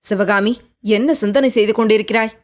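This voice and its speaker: A woman voicing a gentle young prince who coaxes and pleads with the woman he loves in an audiobook. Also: medium pitch, steady tone, fairly quick, natural voice. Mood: tender. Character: young prince, tender, coaxing, devoted lover. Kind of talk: audiobook character reading.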